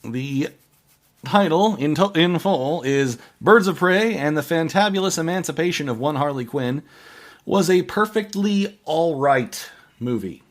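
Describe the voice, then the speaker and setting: A man hosting a podcast, giving casual movie reviews in a halting way, often restarting and trailing off mid-phrase. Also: on the high side, lively intonation. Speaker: podcast host.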